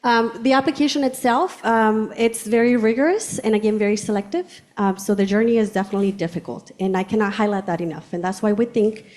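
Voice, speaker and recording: A woman's voice: mid-range voice, a little fast, few pauses, a little mellow. A woman hosting a campus panel as assistant director, explaining points carefully and stressing what matters. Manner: explanatory, emphasizing key points. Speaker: host, assistant director of international education. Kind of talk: event moderation.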